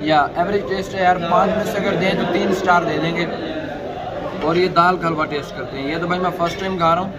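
His voice sits high and steady, a little fast, as this young Pakistani-accented vlogger informally critiques food while dropping in English words. Poor audio and loud crowd chatter from the large indoor restaurant surround him.

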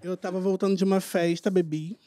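A man's voice: high-pitched, brisk, loud music behind the voice. A middle-aged man telling a comic story to a studio audience, laughing as he goes and acting out voices. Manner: excited, laughs through his story, acts out voices.

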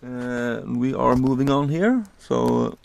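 Showing his cab in a laid-back tour, this Swedish trucker in his thirties explains the controls hesitantly, with lots of fillers and restarts. He has a mid-range voice that is expressive, gravelly and darkish in tone.

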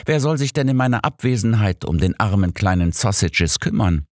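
A man's voice: on the low side, animated, moderate pace, darkish tone, no echo, studio quality, voice pushed up, natural voice. A man voicing a stubborn, easily offended older doctor in an audiobook, speaking with indignation. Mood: huffy. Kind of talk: audiobook character dialogue.

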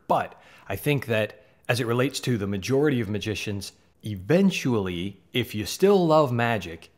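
Speaking to camera in a casual, conversational way, this thirtysomething magic-channel host has a fairly low, fairly bright voice and a Midwestern accent, though he comes from the American South. He is earnest and uses his hands as he talks in his small home studio. A boom-mounted studio mic sits in front of him.

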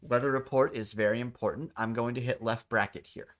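A man's voice: mid-range voice, fairly even intonation, a little fast. A man demonstrating a game in an instructional tutorial style, explaining controls step by step and repeating key points. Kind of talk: step-by-step gameplay tutorial narration.

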